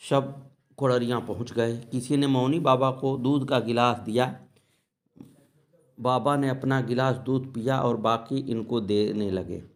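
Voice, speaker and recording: A man narrates devotional stories at a steady, measured pace. He drops into a soft murmur for brief invocations between episodes, and his voice sits at an average pitch for a man. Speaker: devotional storyteller.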